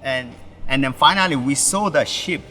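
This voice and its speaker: Brief: middle-aged Ethiopian-born male pastor, halting and restarting, bright tone, long room reverb under faint music. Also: mid-range voice. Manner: halting, broken English with many restarts. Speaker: pastor, interview guest. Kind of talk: personal story in an interview.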